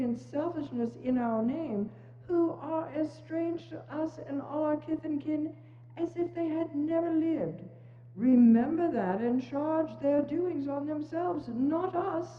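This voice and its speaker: A woman's voice: sits high, slight background noise. A woman playing a stern, imperious Christmas spirit in a solemn, oratorical dramatic reading. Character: stern, commanding Ghost of Christmas Present. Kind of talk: dramatic reading of a stage adaptation. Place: indoors, church. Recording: echoey church, slightly dull sound.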